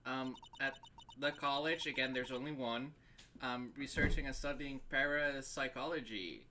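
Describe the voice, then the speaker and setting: A man's voice: mid-range voice, moderate pace, background noise, close to an everyday voice. Man putting on a ditzy, hesitant college girl. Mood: vague, ditzy. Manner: vague, hesitant, filler-laden. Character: ditzy, slow-witted young college woman, valley-girl type.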